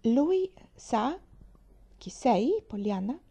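A woman's voice: a little high, sing-song, extremely slow, gravelly, warm tone, slightly rough, voice pushed up, full character voice. A woman reading aloud, voicing a stern, rigid older aunt who speaks in a severe, clipped way. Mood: hesitant.

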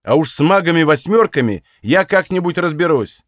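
A man's voice: fairly high pitch, animated, normal speed, background noise, pitched above the performer's own voice, close to an everyday voice. A man voicing a brash, combative young male mage who swears bluntly. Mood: furious.

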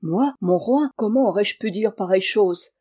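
Woman voicing a humble young shepherd, earnest, pleading, husky voice. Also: medium pitch, moderate pace, dark tone, close to an everyday voice.

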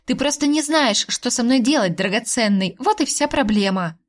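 A woman voicing an indignant young wife, sharp and sarcastic, who pleads with her husband. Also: fairly high pitch, expressive, normal speed, lightly acted.

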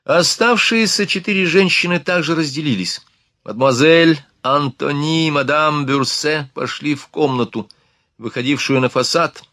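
A man narrating an audiobook in a steady, expressive reading. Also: mid-range voice, dry recording, clean studio sound. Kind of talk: scripted narration.

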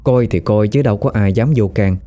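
A man with a Southern Vietnamese accent telling a story in casual spoken style, colloquial and lively, rising at tense moments. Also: on the low side, a little fast.

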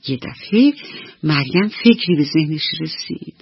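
A woman storyteller narrating a children's bedtime story on the radio in an expressive, storytelling manner. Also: sits low, slightly rough, no room sound. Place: radio studio. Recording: dull dry old radio recording.

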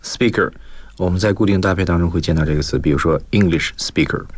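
A man's voice: sits low, fast, dry recording. A man teaching English on a radio lesson, explaining words step by step and mixing in English terms.

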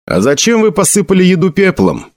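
Man voicing tormented young noble, raised pitch, trembling, tense, audiobook figure. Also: huge pitch swings, brisk, no room sound, studio quality. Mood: pained. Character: haunted young male noble, shaken and vengeful.

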